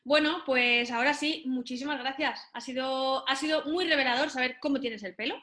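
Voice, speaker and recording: Bright, playful woman interviewer. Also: high-pitched, steady tone. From Valencia, Spain. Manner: playful, chatty, quick to laugh. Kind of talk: casual interview chat. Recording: roomy echo.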